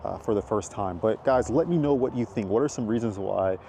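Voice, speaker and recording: This walking vlogger is an American man talking chattily and aimlessly, heavy on fillers, as he moves through a city park outdoors. His voice is fairly low, brisk, creaky and warm, with a little hiss or hum underneath.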